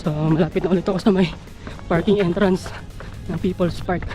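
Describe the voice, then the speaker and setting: Casual Filipino vlogger, speaking breathlessly while running outdoors, middle pitch, cheering self on in short bursts over clear background music. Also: steady tone, fairly quick. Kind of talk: casual running vlog, talking to viewers while running. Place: outdoors along a roadside.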